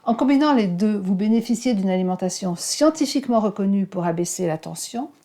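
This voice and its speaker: Gentle, mellow-voiced woman explaining. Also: mid-range voice, animated. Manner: gentle, measured, with occasional fillers and restarts. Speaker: wellness channel host. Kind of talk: calm health explainer to camera.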